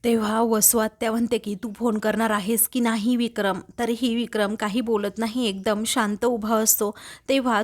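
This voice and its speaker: A woman with a somewhat high voice narrates a recap of a television serial episode. She moves through each scene and reads out what the characters say in her own voice. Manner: retells scenes by reading out the characters' lines.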